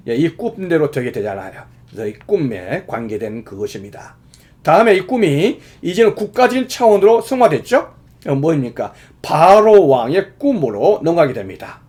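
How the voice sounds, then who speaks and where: Male pastor, sermon delivery, a bit high-pitched, very expressive intonation. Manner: explanatory preaching with many fillers, rising emphatically at key points.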